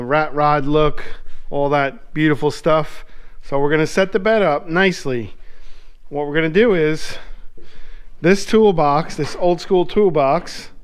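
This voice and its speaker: A man talks slowly and easily as he works in his home garage, walking through each step of a build. His voice sits a little higher than most men's. He is picked up by the camera mic in the shop. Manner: relaxed, explains work step by step while working. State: out of breath at times. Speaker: metal fabricator. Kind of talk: casual shop vlog talk.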